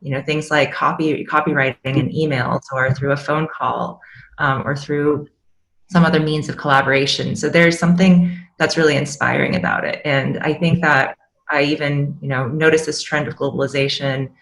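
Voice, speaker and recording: A woman's voice: low-pitched, steady tone, normal speed. A woman, a startup CEO on an online panel, speaking in an articulate, reflective way. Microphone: video call.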